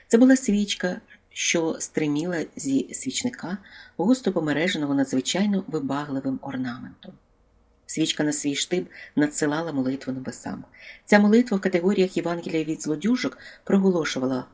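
Steady audiobook narrator. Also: medium pitch. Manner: even, steady storytelling with brief character voices. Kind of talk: scripted narration.

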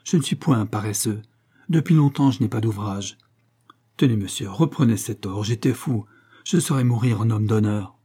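A man's voice: lowish voice, normal speed, mellow, slightly rough. A man voicing a starving young workman who pleads in breathless outbursts. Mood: proud. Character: starving young male worker, desperate and proud.

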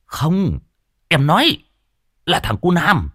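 A man voicing a loud, shrill village woman in a storytelling reading, shrieking frantic news. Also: huge pitch swings, slow pace, slightly rough, no echo, studio quality, heavily acted.

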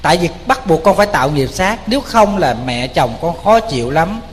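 A man with a Southern Vietnamese accent, a Buddhist monk telling a story in a sermon, animated and colloquial, speaking straight to his audience. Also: on the high side, brisk, in a large hall, slight background noise.

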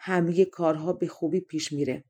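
Woman voicing a calm, wise old talking horse. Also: low-pitched, slightly rough. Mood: reassuring. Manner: calm, reassuring advice.

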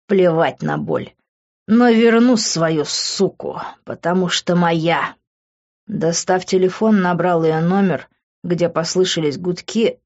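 Low-voiced woman narrating an audiobook. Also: creaky, a little mellow, muffled recording. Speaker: audiobook reader. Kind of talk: first-person audiobook narration.

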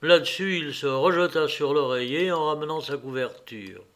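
Man reading a novel, slightly high voice. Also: moderate pace, fairly bright tone. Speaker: audiobook reader. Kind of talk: reading a classic novel aloud.

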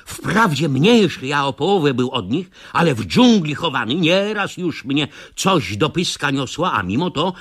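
A man reading a comic first-person radio story in quirky old-fashioned grammar, with a theatrical delivery and sudden shouts. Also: a little high, very animated, normal speed, few pauses, breathy edge.

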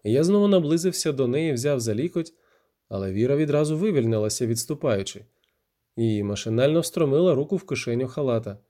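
A man reading a first-person audiobook in a measured, steady storytelling manner. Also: mid-range voice. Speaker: audiobook narrator.

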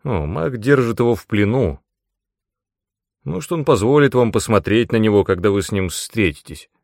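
A man's voice: on the low side, expressive, normal speed, gravelly, darkish tone, no echo, studio quality. A man voicing a nervous, suspicious young male guide in an audiobook, hesitant and stammering. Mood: helpful. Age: young adult.

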